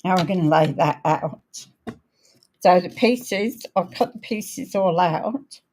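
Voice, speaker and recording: A woman's voice: lowish voice, expressive, a little mellow. A woman hosting a live card-making demonstration, chatting as she works, her voice a little crackly. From outside America. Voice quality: slightly crackly voice. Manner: chatty, unhurried, talks while working. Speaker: crafting host.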